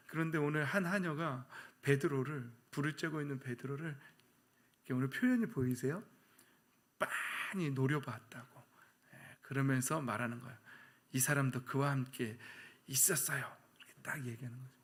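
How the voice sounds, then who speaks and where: A middle-aged male pastor preaching an early-morning sermon to a congregation with children, acting out the voices of people in the story. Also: medium pitch. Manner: animated, acts out voices of characters in the story.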